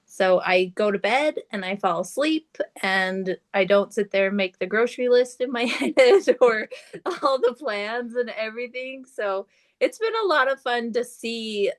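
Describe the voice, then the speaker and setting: A woman's voice: a little high, measured pace. A woman sharing her experience as a guest on a video call, upbeat and candid. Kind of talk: casual chat on a video call.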